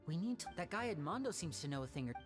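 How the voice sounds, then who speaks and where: An actress playing a composed, polite, watchful young adventurer in a video game. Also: female voice, lowish voice, very animated, quick pace. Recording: music behind the voice.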